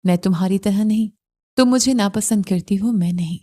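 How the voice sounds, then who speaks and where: A woman's voice: medium pitch, dark tone, lightly acted. A woman reading the lines of a brusque, possessive young husband in an audio novel, with blunt, curt demands.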